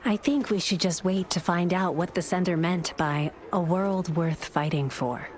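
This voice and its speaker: Here the same thoughtful, idealistic game companion and adviser speaks in a lowish, natural voice at a measured pace, sounding reflective, composed, and wry. It's dramatic narration and dialogue, with a little background noise.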